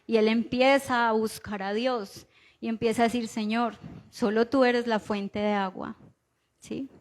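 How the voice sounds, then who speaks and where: Higher-pitched Colombian woman preaching. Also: fairly even intonation, a little slow. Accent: Colombian Spanish. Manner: conversational preaching, frequent rhetorical "¿cierto?" tags. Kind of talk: sermon.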